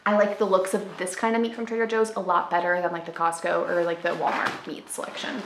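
A lifestyle vlogger in her twenties shows off groceries in her living room, chatting upbeat to camera with plenty of "like" fillers. She talks fast in a lowish, level, creaky voice, and the recording is reverberant with a little hiss or hum.

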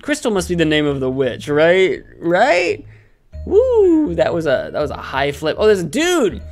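A man's voice: on the high side, huge pitch swings, measured pace. A man in his thirties giving playful let's play commentary, goofily musing aloud into a close mic. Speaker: host, gaming streamer. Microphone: close desk microphone on webcam stream. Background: faint game music.

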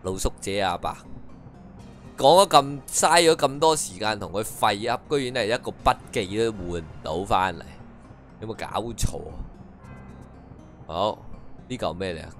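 香港男實況主，講得慢吞吞，邊翻譯對白邊抽水. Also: male voice, fairly low pitch, animated, slow, long pauses, fairly bright tone. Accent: Hong Kong Cantonese. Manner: dry, mocking running commentary and translation of dialogue. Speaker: game streamer. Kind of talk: casual gameplay commentary. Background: faint game music.

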